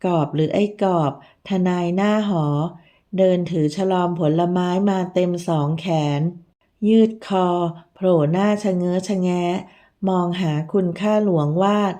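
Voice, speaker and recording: A woman narrating a historical romance novel in a calm, measured reading style. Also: fairly low pitch. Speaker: audiobook narrator.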